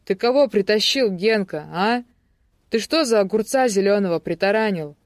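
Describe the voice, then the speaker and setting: A narrator voicing a stern, angry middle-aged father who barks and shouts at his son, in an audiobook. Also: mid-range voice, measured pace, no echo, studio quality, pitched above the performer's own voice, lightly acted. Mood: incredulous. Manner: barking, shouting.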